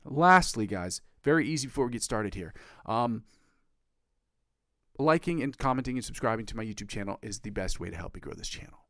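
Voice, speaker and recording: This guitar livestreamer sounds congested, with an expressive, fairly bright voice and a fairly quick pace on a dry, studio-quality recording. Streaming casually, he rambles with plenty of fillers and speaks upbeat to viewers.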